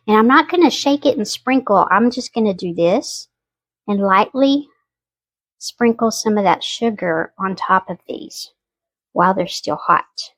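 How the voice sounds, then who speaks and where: A woman hosting a casual cooking demonstration, chatty and homey as she talks viewers through each step. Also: medium pitch. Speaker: home cooking channel host.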